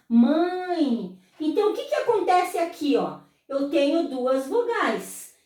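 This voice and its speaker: A high-voiced Brazilian woman teaching at an unhurried pace, stretching out words and repeating them. She asks questions and answers them herself. She is heard from well off the mic in a very echoey room. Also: darkish tone, distant mic. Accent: Brazilian Portuguese. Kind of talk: slow explanatory lesson.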